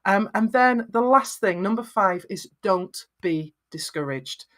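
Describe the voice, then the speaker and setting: A middle-aged woman with a Lancashire accent and very flat vowels, giving encouraging, conversational advice in an interview. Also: medium pitch, a little slow. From Lancashire, northwest England. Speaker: video confidence coach and podcaster.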